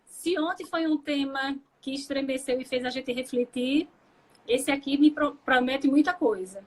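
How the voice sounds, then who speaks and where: A woman's voice: sits high, moderate pace, poor audio. A woman hosting a talk show, asking questions and reacting with enthusiasm. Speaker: host.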